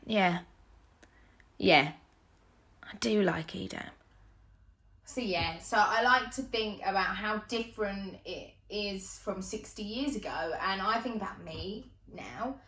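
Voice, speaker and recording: A woman, telling stories in a casual, animated, self-mocking way and swearing freely. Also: mid-range voice, slow pace, recorded from a distance. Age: 20s. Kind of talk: casual storytelling monologue. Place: indoors, sitting on the floor. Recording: roomy echo.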